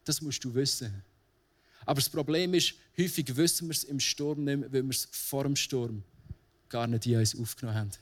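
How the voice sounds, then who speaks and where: A man's voice: medium pitch, brisk. A man with a Swiss German accent preaching a sermon in a casual, conversational way, often asking the listener questions. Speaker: pastor.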